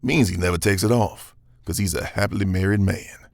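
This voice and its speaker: A male actor voices a cocky, dangerous gunslinger in a Western audio drama, using a gravelly Southern American drawl and a theatrical, taunting delivery. His low voice moves fairly quickly and sounds smug and needling. The recording is dry and clean, studio quality.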